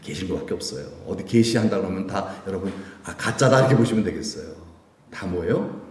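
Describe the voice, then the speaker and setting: A man's voice: low voice, expressive, quick pace. A male pastor preaching a midweek prayer service sermon, asking the congregation rhetorical questions and acting out quoted prayers. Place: church sanctuary. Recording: echoey church room.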